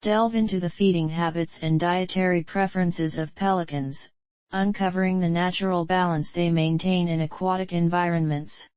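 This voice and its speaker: A woman's voice: on the low side, fairly even intonation, normal speed, darkish tone, clear, resonant tone, dry recording, highs cut off. A woman reading polished, explanatory nature documentary narration from a script.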